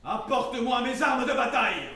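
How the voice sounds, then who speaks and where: A man's voice: extremely high pitch, big pitch swings, moderate pace, bright, forceful tone, exaggerated voice. A man playing a vain, pompous, easily offended general in a stage comedy, declaiming his lines. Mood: vain, indignant. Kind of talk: comic stage theatre acting. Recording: echoey hall from far off, faint noise.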